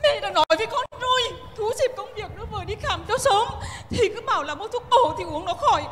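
A woman's voice: very high voice, lively intonation, fast, a loud crowd, very noisy. Woman playing a distraught, pleading mother-in-law, stage drama, echoey hall. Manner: pleading, scolding. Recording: reverberant hall, faint music.

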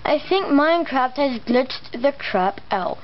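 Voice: high voice, expressive, slow pace. A let's player giving casual, sweary gameplay commentary, with slightly imprecise R sounds. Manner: casual swearing, muttered exclamations. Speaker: let's play host. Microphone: camera pointed at a monitor. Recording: muffled lo-fi mic, noisy background.

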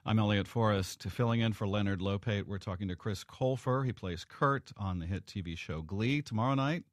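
A man's voice: on the low side, normal speed, dry recording, clean studio sound. A man hosting a radio interview, asking questions in a hesitant, stammering way. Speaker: radio host.

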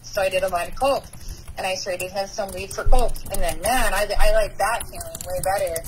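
A woman's voice: mid-range voice, moderate pace, a little hiss or hum, low-quality recording. A woman in her forties from North Dakota, a guest candidly telling her personal recovery story in a conversational way. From North Dakota, USA.

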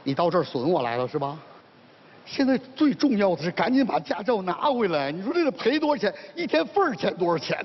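A man's voice: sits high, very animated, a little hiss or hum. A man playing a timid, hapless husband who whines and frets, in a stage comedy sketch. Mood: fretting. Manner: whiny, fretful, fast comic complaints. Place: theater stage with live audience. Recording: dull audio, reverberant hall.

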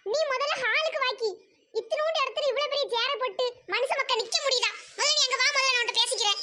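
A woman's voice: extremely high pitch, fast, background noise. A woman playing an exasperated mother who scolds with sarcastic threats, in a Kanniyakumari accent. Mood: scolding. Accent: Kanniyakumari Tamil. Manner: sharp, nagging, sarcastic threats. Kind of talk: comic sketch acting.

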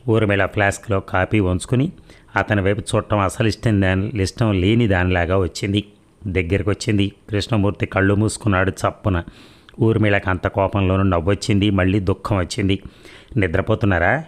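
A man narrating a romance novel aloud, with steady storytelling that slows for the dialogue. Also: low-pitched.

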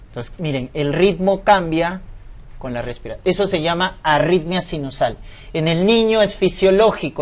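A man leads a lecture through medical exam questions. He asks a question, pauses, then answers it himself in an explanatory teaching manner. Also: high-pitched.

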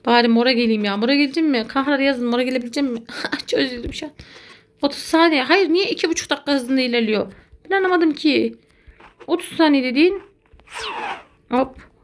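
A woman giving casual, excitable commentary while playing a video game, talking to her viewers as friends. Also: high voice, fast, pauses often. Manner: excitable, chatty, addresses viewers as buddies. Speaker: gaming content creator.

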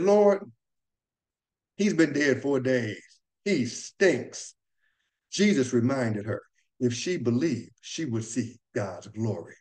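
A man giving a Bible study lesson in an earnest, measured teaching voice. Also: mid-range voice, darkish tone.

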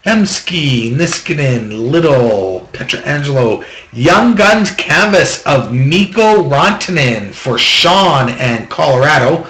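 As a box break host, a slow-spoken man reads out trading cards while opening packs at a table in a small room at home. His voice is a little high and fairly bright with lively intonation, and he runs through the list quickly, tossing in offhand jokes and complaints. The room is echoey with faint background noise.

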